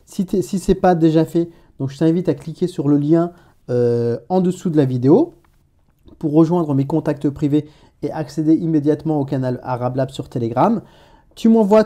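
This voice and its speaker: Guy with a super dark mellow voice doing a chill online language lesson, talks to you directly, lots of uhs and restarts. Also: a little high. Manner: informal, hesitant with many restarts and fillers; addresses the learner directly as "tu". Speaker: Arabic teacher.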